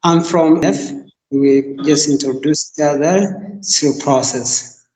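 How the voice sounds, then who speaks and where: A man from Ethiopia speaks very slowly and with care, in a mellow, somewhat high voice. His call audio carries a long, roomy echo and faint hiss. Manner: slow, careful, hesitant non-native phrasing. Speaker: university computer teacher. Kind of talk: casual conversation practice. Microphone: online call.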